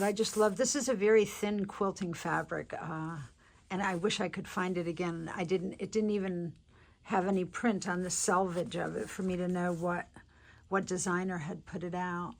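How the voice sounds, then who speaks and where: A woman with a fairly low, gravelly voice shows off a handmade journal in casual show-and-tell narration. Congested from allergies, she's chatty and unhurried, using many fillers and restarts.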